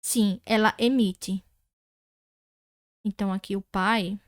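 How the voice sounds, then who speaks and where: A Brazilian woman teaches an online Portuguese grammar lesson at medium pitch in a steady tone. She patiently repeats words slowly and checks that students are following, and the recording is clean studio sound with no echo.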